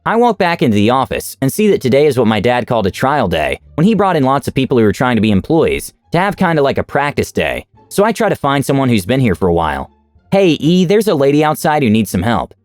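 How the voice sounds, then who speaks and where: Man narrating stories with animated pitch. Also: fast, few pauses, no room sound, faint music behind. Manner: lively, expressive reading. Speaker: story narrator. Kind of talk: scripted narration of online stories.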